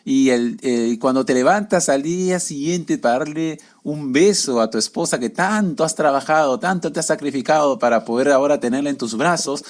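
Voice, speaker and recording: A man preaching a conversational sermon, often tagging his lines with questions to the listeners. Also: a little high.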